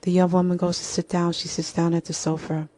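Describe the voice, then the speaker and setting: Woman storyteller, deliberate, repetitive, dark mellow voice. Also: on the low side, flat delivery. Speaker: speaker. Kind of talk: storytelling narration.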